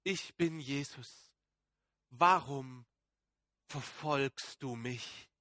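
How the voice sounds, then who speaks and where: A man voicing the divine voice of Jesus in a sermon, slow, hushed and solemn. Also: on the high side, animated, no echo, clean studio sound, heavily acted.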